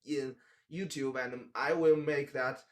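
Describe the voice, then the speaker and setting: A young man from China with a Chinese accent, hosting a casual talk show in English and often searching for words. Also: mid-range voice. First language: Mandarin. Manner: halting, searches for English words, animated hand gestures. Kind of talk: casual chat. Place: small indoor room, seated at a table.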